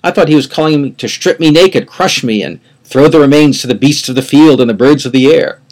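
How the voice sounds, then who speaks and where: A middle-aged man, a priest, reading a spiritual talk aloud in a measured, earnest storytelling manner. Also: medium pitch, darkish tone.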